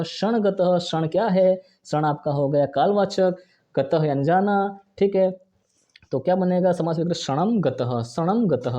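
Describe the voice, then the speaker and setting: A man teaching a Sanskrit grammar lesson, talking fast, repeating each example and asking and answering his own questions. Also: a little high, dark tone. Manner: fast, brisk delivery. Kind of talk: exam-prep grammar lesson.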